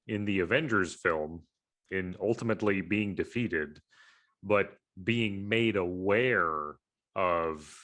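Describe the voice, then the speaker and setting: Deep-voiced man musing at length. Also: a bit bright. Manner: analytical, rambling with fillers. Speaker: podcast co-host. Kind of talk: casual chat.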